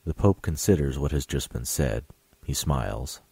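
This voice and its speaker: A man reading stage directions as narrator of an audio drama in a flat, matter-of-fact way. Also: a bass voice, moderate pace, vocal fry, breathy edge, no echo.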